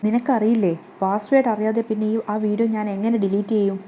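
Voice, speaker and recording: A woman reads a haughty middle-aged lady of the house, scheming and scolding her maid sharply. The lines come quick and mellow, with faint hiss behind. It stays near the reader's own voice. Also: mid-range voice, fairly even intonation, lightly acted.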